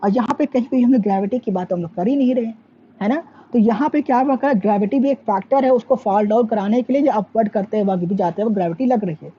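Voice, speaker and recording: A woman's voice: a little high, fast talker, breathy edge. A woman teaching physics in a classroom lecture, who asks questions and answers them herself and mixes English terms into her talk. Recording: dull lo-fi sound with faint background noise.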